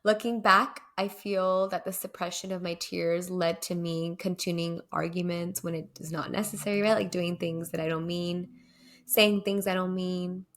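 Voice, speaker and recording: Reflective woman with a gravelly low voice. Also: steady tone, normal speed. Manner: reflective, many "like" and "right?" fillers. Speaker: podcast co-host. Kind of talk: candid podcast conversation.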